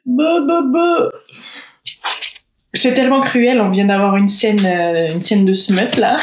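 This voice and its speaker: A young woman vlogging casually about her reading, gushing and tense, with swearing and nervous exclamations. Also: mid-range voice. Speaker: book vlogger. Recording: echoey room with music behind.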